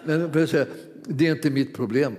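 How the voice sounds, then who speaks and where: A man's voice: fairly high pitch, darkish tone. A man preaching a sermon, telling a story in a chatty, laughing way with many restarts. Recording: hall reverb.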